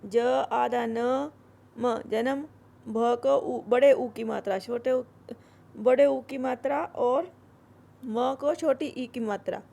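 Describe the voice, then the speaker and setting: Her voice is a little high, gravelly, and warm as she works through a school Hindi grammar worksheet. She repeats every word slowly, drills its proper form, and slips English words in along the way.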